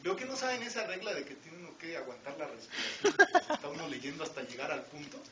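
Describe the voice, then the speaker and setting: A man's voice: a little high, animated, fast, crowd noise. Wry Mexican man lecturing in a hall. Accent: Mexican Spanish. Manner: wry, joking asides with rhetorical "¿no?". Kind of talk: academic talk to students. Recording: roomy, distant, dull, noisy lecture hall recording.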